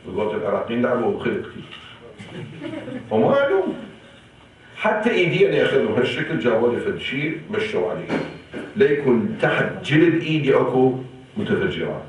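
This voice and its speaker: A man's voice: medium pitch, big pitch swings, fast talker, pauses often, a little hiss or hum. A man with an Iraqi Arabic accent delivering an impassioned, rhetorical sermon in the hall of an Islamic center. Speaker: preacher. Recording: echoey hall from far off.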